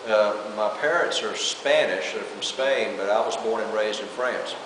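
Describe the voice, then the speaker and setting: A low-voiced man interprets a church talk into English, hesitating often with fillers as he translates. He is heard from a distance in a large, echoey church hall with long reverb. A clear hiss runs underneath. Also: normal speed.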